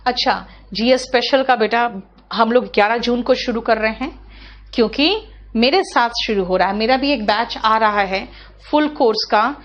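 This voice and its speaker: A woman teacher runs a live online grammar class, her voice pitched a little high. She talks briskly and scolds students about common mistakes in a firm, familiar tone. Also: muffled recording.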